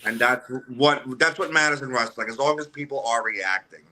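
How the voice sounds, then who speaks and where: Bright-voiced man rambling in an interview. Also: medium pitch, normal speed, slight background noise. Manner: rambling with many restarts and "you know" fillers. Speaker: wrestling manager guest. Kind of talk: casual interview talk. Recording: remote call audio.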